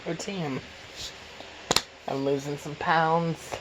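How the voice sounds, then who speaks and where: A man's voice: on the high side, steady tone, drawn-out words. Man chatting casually over a noisy meal. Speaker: vlogger. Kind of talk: casual mukbang chat while eating. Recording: noisy room, clattering cutlery and dishes.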